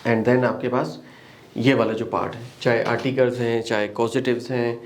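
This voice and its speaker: A man's voice: medium pitch, fairly even intonation, normal speed, slight background noise. A man presenting an English institute's courses in an explanatory way, switching between Hindi-Urdu and English and checking in with "okay" as he goes. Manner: explanatory, lists items, frequent "okay" checks. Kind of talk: promotional course walkthrough.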